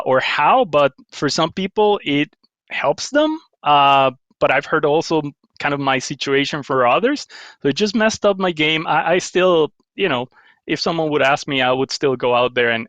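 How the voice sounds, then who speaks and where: A man's voice: a little high, a bit bright, no room sound. A man talks casually as a guest over a slightly dull, lo-fi remote line. His voice sits mid-range, and the sound is dry and close. He rambles, restarts often, and laughs at himself. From Guatemala. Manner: rambling, with many restarts and self-deprecating laughs. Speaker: guest, paddle company owner. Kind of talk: casual interview chat.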